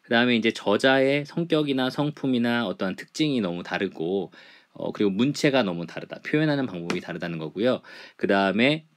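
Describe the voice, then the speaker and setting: A middle-aged man lecturing a church Bible class, explaining point by point with frequent fillers. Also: lowish voice. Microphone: writes on a board while teaching.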